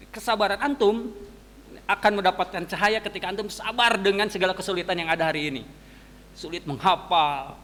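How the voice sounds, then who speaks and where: Sundanese guy preaching at dawn, animated, acts out little stories, echoey hall. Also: high voice, slight background noise. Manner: animated storytelling, mixing casual asides and quick sound words. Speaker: religious teacher. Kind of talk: dawn sermon to students. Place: mosque hall.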